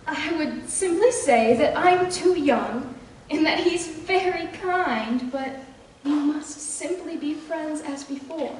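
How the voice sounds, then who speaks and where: A woman's voice: high voice, slow pace. A young woman playing a proper, easily flustered but stubborn young lady in a stage play. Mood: prim. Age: teenage or young adult performer. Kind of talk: high school stage play acting. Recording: echoey stage, distant mic, noisy.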